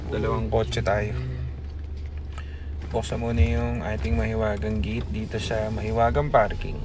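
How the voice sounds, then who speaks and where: A man's voice: on the low side, little pitch movement, measured pace, music in the background. A man from the Philippines, a used car seller, chatting and joking as he shows off cars in a casual vlog at a parking garage. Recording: noisy outdoor ambience.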